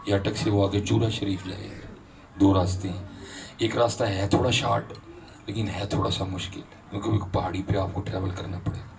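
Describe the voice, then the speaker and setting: Deep-voiced preacher at a distance. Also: male voice, a little mellow. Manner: slow chanted Arabic recitation between conversational Urdu talk. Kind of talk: sermon. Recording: distant mic with noisy background.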